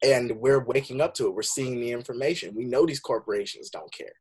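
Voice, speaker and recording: A man's voice: medium pitch, fairly quick, darkish tone, husky. A young man from the Bay Area talking earnestly in a casual group discussion, building to emphatic points. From San Francisco Bay Area. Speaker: panel guest.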